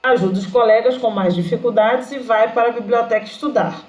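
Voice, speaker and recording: A woman teacher, explaining a grammar lesson slowly and patiently with fillers. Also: on the high side, fairly even intonation, a little mellow, roomy sound, poor audio.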